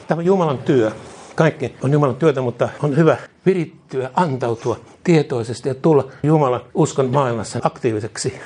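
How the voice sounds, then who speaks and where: Fervent husky-voiced male preacher. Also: mid-range voice, darkish tone. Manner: fervent, repeats phrases, leads prayer line by line. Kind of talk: sermon with congregation prayer. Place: church.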